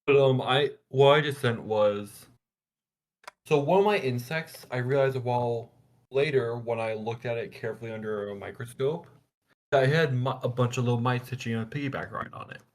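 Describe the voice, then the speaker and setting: A man's voice: medium pitch, normal speed. A young man, a podcast co-host, chatting casually and enthusiastically about insects with offhand swearing. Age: young adult. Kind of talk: casual chat.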